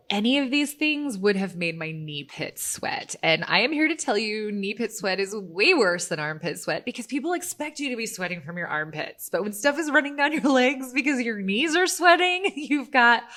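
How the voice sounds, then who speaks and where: A woman's voice: fairly high pitch, fairly bright tone. A woman hosting her own podcast in a casual solo monologue, chatty and self-deprecating, laughing often. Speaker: podcast host.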